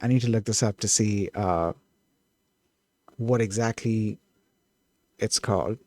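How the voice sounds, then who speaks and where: A man streaming himself coding, thinking aloud, who gets excited and keeps correcting himself mid-thought. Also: lowish voice, unhurried, no room sound, studio quality. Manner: excitable, self-correcting, trails off and restarts.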